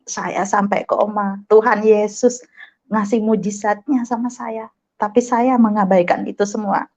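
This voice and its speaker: A woman's voice: medium pitch, fairly even intonation, unhurried, darkish tone. A woman giving an earnest, emotional personal religious testimony and quoting her own prayers. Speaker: testimony speaker.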